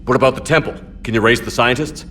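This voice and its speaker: A man's voice: medium pitch, fast talker, sharp tone, a little hiss or hum, lightly acted. A man playing a resolute, principled military commander in a sci-fi game, speaking firmly and decisively. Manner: firm, decisive. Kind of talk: cinematic sci-fi game dialogue.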